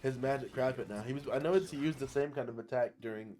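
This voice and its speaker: A young man giving an excitable, slangy anime recap, often laughing as he talks. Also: medium pitch, quick pace. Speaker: anime reviewer. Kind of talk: casual recap commentary.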